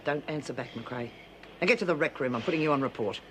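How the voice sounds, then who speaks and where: A woman's voice: deep voice, fast talker, a little hiss or hum, lightly acted. An actress playing a severe female prison officer with a curt, commanding manner. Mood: cold. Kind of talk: TV drama acting.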